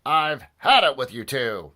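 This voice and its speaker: A man's voice: mid-range voice, big pitch swings, measured pace, pushed and bright, voice pushed up. A man voicing a grumpy, sneering middle-aged school principal who barks his lines. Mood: angry. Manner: barking, sneering.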